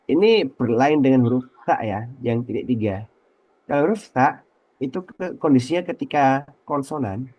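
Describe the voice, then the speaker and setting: A man with an Indonesian accent teaching Quran recitation on a radio program, explaining patiently and repeating letter sounds slowly as examples. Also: medium pitch, darkish tone, no echo, highs cut off. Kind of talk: radio tajwid lesson. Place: radio studio.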